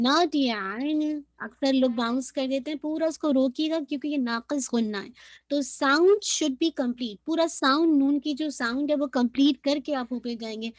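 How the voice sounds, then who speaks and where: High-voiced woman teaching recitation. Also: dry recording. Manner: patient, demonstrates sounds slowly and repeats them; frequently checks in with the class. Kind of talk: online tajweed lesson.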